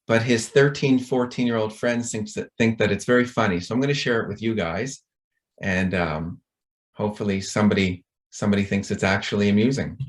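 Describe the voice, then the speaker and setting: A middle-aged man with a fairly low voice gives a conference talk over a video call. He is chatty and rambling, with a self-deprecating manner. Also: brisk. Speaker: conference speaker.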